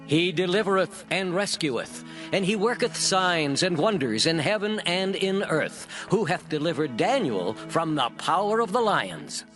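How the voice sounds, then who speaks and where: A solemn biblical king with a raised, animated voice. He declaims grandly, full of anguished care, in an audio drama set over clear music. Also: high-pitched, measured pace. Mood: proclaiming. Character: King Darius, solemn ruler anguished over his servant. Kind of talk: dramatized scripture reading.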